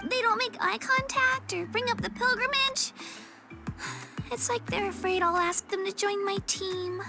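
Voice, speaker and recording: A woman with a very high, youthful, girlish voice speaks a little slowly over loud background music. She voices an earnest, modest young warrior girl in a video game, sounding hesitant, self-effacing, resigned and humble.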